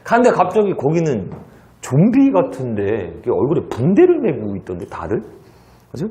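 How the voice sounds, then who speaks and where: A male teacher giving a lively classroom lecture, telling stories with sound effects and acted dialogue and throwing rhetorical asides to his students. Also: a little high, normal speed. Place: lecture hall.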